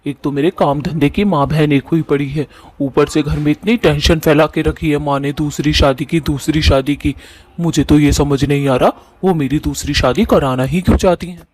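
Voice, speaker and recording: A man voicing a blunt young husband in a cartoon story, with rough, brusque colloquial speech. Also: on the high side, fairly even intonation, brisk, few pauses, darkish tone, lightly acted. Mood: exasperated. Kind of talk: cartoon voice acting.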